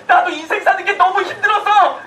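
A stubborn teenage orphan , played by a young male actor, pleads earnestly in a high, bright, animated voice. He sounds set back from the mic. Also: fairly quick, reverberant, recorded from a distance, a little hiss or hum, poor audio. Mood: pleading. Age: young adult. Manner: earnest, pleading, raising his voice. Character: 19-year-old orphan student, stubborn and pleading.

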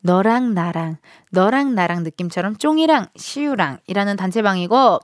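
A woman's voice: medium pitch, expressive, normal speed, dry recording, studio quality. A woman from Incheon hosting a radio show, reading listener messages playfully and mimicking voices. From Incheon, South Korea. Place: radio studio. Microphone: studio microphone.

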